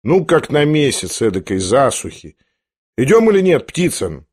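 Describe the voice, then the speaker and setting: A man's voice: medium pitch, very animated, normal speed, darkish tone. A man voicing a bored, contemptuous young man who talks carelessly, in an audiobook. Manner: careless, sneering, yawning.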